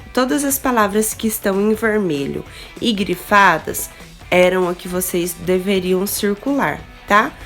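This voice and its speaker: A woman's voice: medium pitch, fairly bright tone. A woman teaching young children in a recorded lesson, with a Brazilian Portuguese accent. She talks patiently and keeps checking in with the kids. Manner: spells out word endings slowly and deliberately. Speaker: primary school teacher.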